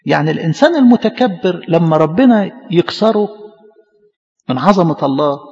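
A man with an Egyptian Arabic accent, a priest preaching a sermon who acts out quoted voices and slows down for scripture. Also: a little high, animated, a little mellow, long reverb tail, muffled recording.

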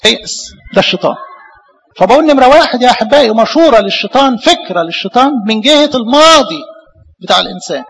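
A man with an Egyptian Arabic accent preaching a sermon as a priest, lively, with many rhetorical questions. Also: extremely high pitch, very fast, creaky, slightly rough, long reverb tail, poor audio.

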